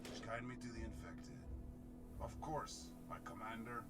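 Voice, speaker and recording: A man's voice: mid-range voice, level tone, a little slow, lightly acted. A man playing an eager, loyal soldier, giving dutiful short military replies as a strategy game unit. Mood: dutiful, ready. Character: eager, loyal male soldier of a human colony. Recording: distant game audio under loud music. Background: video game music.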